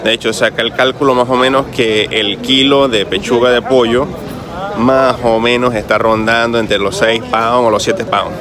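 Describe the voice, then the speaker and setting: A man from the Caribbean with a Caribbean Spanish accent, explaining things to viewers in a chatty travel vlog, recorded outdoors on a city street. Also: medium pitch. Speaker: travel vlogger. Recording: clear street noise behind voice. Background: traffic and street ambience.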